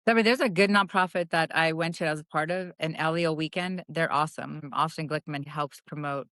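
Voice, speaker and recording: A middle-aged woman, a retired police officer from Southern California, telling personal stories as a guest in a conversational interview, animated and acting out voices. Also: low-pitched, a little fast, dry recording. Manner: animated storytelling, acts out voices.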